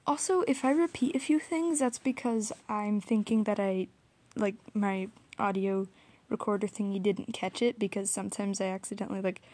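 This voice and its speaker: A woman's voice: mid-range voice, normal speed, darkish tone, no room sound. A young woman giving a casual, rambling, self-deprecating voiceover for her art video, recorded on a small audio recorder. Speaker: art vlogger. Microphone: small audio recorder, drifts off mic.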